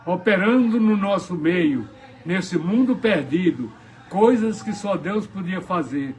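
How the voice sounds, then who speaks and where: A man with a high voice preaches a morning devotional, slow and deliberate. He retells gospel scenes dramatically and voices the people in them. His delivery has a pastor's earnest cadence. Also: animated, a little mellow. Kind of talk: sermon.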